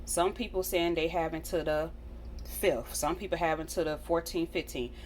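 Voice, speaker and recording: American lady vlogger, pretty low voice, earnest casual chat, repeats herself, bit of background noise. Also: fairly even intonation, normal speed, a little mellow. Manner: earnest, repeats phrases for emphasis. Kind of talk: casual direct-to-viewer chat.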